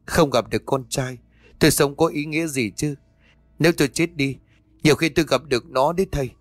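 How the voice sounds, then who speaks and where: A man's voice: a little high, a little fast, no echo, lightly acted. A man voicing a sobbing, desperate village mother. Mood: despairing. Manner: sobbing, pleading, breathless. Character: grieving middle-aged village mother, desperate.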